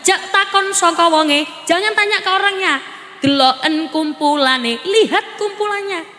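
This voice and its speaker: A Javanese-accented woman preaches with a high, bright voice. Her delivery is playful and chatty, and she keeps turning to the crowd with questions. Her voice rings through a hall that carries a long echo. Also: unhurried, a little hiss or hum. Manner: playful, chatty, quizzes the audience. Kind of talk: humorous sermon at a religious gathering. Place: on stage at a large gathering.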